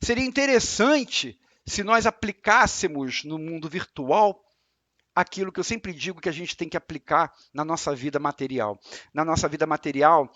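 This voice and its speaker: With a Brazilian Portuguese accent, a man delivers a calm spiritual lecture, restating his ideas and backing them with examples. He speaks at a normal speed in a fairly high-pitched voice, recorded without echo.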